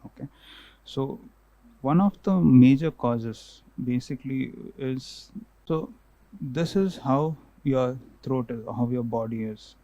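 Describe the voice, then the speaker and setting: A man's voice: medium pitch, slow pace, warm tone, no echo, low-quality recording. A man, an ENT doctor, patiently explaining causes and tests to a patient, often restarting and repeating himself.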